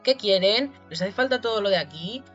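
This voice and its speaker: A man doing a tiny cheeky shouting boy. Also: lively intonation, fairly quick, very echoey, long reverb tail, far from the mic, faint music behind. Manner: high, shouting. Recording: dull lo-fi recording.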